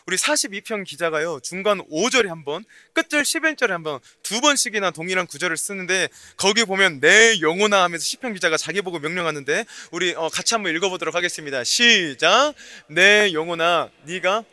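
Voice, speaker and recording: A man preaching a sermon as pastor, telling a story to the congregation and rising to loud exhortation. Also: sits high, lively intonation, quick pace, few pauses, dry recording. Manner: storytelling, addresses listeners directly, rises to loud emphatic exhortation. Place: church.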